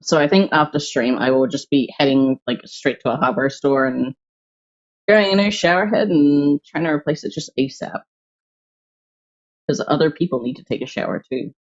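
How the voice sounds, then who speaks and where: A young adult streamer chats at a mid-height pitch while working on art, musing aloud in loose, filler-heavy sentences. The audio comes through a little dull, like a basic home stream mic. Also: normal speed. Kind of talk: casual chat while drawing.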